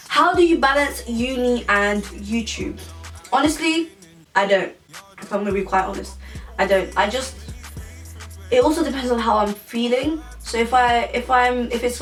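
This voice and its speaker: A woman's voice: medium pitch, distant mic. A woman, chatting casually through a Q&A for her vlog, rambling with many restarts. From England. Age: 20s. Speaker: YouTuber. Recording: echoey room, voice a bit off-mic, music behind.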